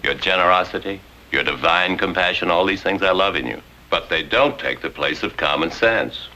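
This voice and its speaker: A man's voice: sits low, moderate pace, bright, forceful tone, slight background noise, poor audio. An actor playing a skeptical male writer who talks in a dry, sardonic way. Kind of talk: 1950s television drama acting.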